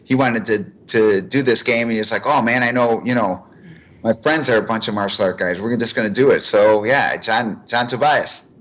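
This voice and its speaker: A man giving a casual interview as a guest, in a laid-back, halting way. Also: on the low side, a bit bright. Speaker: interview guest, martial arts instructor.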